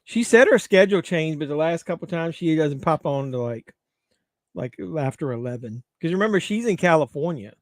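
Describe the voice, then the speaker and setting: A man's voice: a little high, lively intonation, moderate pace, no room sound, studio quality. A middle-aged man hosting a casual movie watch-along stream, bantering crudely with his chat from home. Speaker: livestream host.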